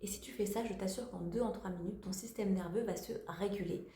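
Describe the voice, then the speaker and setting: Woman coach chatting straight to you, slangy and casual, mid pitch, roomy echo. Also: a little fast, warm tone. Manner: familiar and slangy, addresses the listener directly. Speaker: spiritual manifestation coach. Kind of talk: casual motivational talk to camera.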